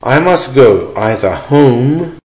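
A man reading a dictation exercise as a teacher, in short, measured, deliberate phrases with punctuation spoken aloud. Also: medium pitch, sing-song, a little mellow. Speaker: language teacher giving dictation.

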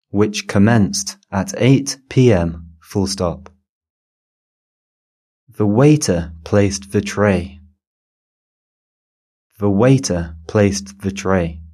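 A man reads a dictation exercise at a very slow, measured pace. He says each phrase several times and speaks the punctuation marks aloud. His voice sits low and mellow. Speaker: dictation reader.

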